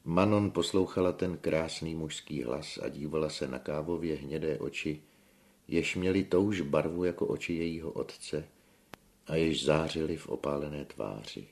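A man reading a novel aloud as an audiobook narrator with a steady storytelling delivery. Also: rumbling low, creaky.

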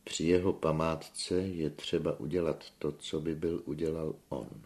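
A man reading the lines of an earnest young man who speaks in a measured, reasoning way. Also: rumbling low, steady tone, a little mellow. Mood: persuasive.

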